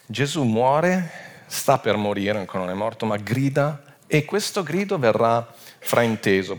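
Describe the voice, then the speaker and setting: A man preaching a Bible sermon, expressive, rising to loud emphatic peaks and sinking low and quiet, often restarting words mid-phrase.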